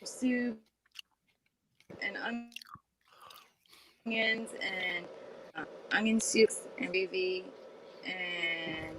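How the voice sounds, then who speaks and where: A woman calling into a casual chat over a connection that keeps freezing and breaking up, talking haltingly and trailing off. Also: on the low side, steady tone. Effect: glitching, breaking-up call audio that keeps freezing. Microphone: remote call connection. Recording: noisy, distant call line.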